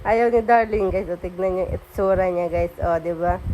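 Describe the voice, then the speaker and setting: A woman's voice: fairly low pitch, moderate pace, dull audio. A young adult woman chatting playfully through an unboxing and taste-test vlog, teasing her partner on camera. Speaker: vlogger.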